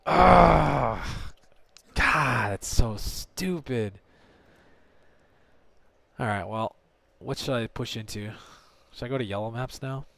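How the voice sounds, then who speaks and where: A man's voice: mid-range voice, steady tone, normal speed, bright, forceful tone, dry recording. A man streaming a game, talking to viewers in live commentary and swearing often as he rants.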